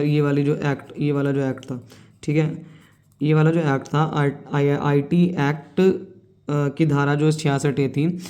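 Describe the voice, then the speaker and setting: A woman's voice: deep voice, mellow. A young woman teaching an exam coaching lesson in a chatty, informal way, speaking straight to her students and teasing them now and then. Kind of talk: informal online lecture.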